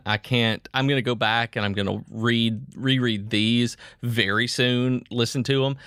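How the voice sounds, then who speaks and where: A man's voice: mid-range voice, a bit bright, smooth, dry recording, clean studio sound. A man co-hosting a podcast, chatting casually and enthusiastically, rambling with restarts. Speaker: podcast co-host. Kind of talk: casual chat.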